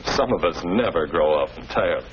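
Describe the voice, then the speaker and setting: Here a deep-voiced American actor talks a little fast with lively intonation, portraying an avuncular, patient teacher or school principal in an instructional 1940s film. He sounds patient and didactic over a noisy vintage soundtrack.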